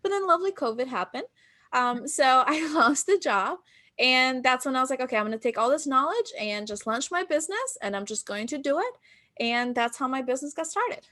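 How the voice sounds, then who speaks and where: Her voice is high and sharp, with lively intonation and a fairly quick delivery. A marketing business founder from Albania, in her thirties, she appears as a guest on a relaxed podcast interview, recounting stories and performing quotes from herself and other people.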